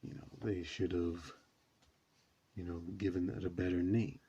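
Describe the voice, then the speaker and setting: A man's voice: deep voice, steady tone, moderate pace, dark tone, dull audio, a little hiss or hum. A man hosting a reaction video, talking casually and rambling with many fillers. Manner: rambling, says you know a lot.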